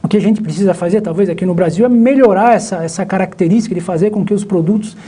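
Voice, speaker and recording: Brazilian guy professor, dark mellow tone, lots of restarts, chatty live lecture. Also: high voice, fast talker, slightly rough. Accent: Brazilian Portuguese. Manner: rambling, many restarts and fillers. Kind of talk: live online lecture chat.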